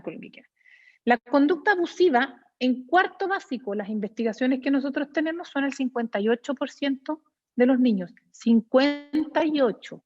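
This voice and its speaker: A woman with a Chilean Spanish accent giving a lecture to teachers, lively, acting out little parent-child exchanges and often checking in with her audience. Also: high-pitched, highs cut off. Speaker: workshop speaker for teachers.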